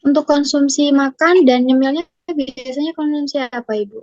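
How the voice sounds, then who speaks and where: A young adult woman takes the role of nutrition counselor in a scripted consultation for a class, posing courteous, formal questions step by step. She has a high, slightly mellow voice at a moderate pace, and the lo-fi recording is dry and muffled, with no echo.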